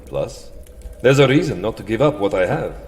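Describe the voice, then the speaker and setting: An actor playing a weary, settled vampire count in a comic audio drama, theatrical and wry, by turns boastful, petulant and self-deprecating. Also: male voice, on the low side, big pitch swings, normal speed, a little hiss or hum. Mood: reluctant, reflective.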